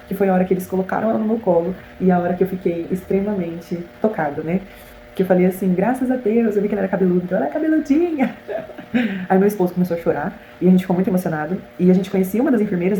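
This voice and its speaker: Young Brazilian woman vlogger, quick and chatty, warm low voice, slight room echo. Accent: Brazilian Portuguese. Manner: animated, chatty, frequent "gente" and "né" asides. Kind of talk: casual storytelling to viewers. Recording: echoey room with faint hiss.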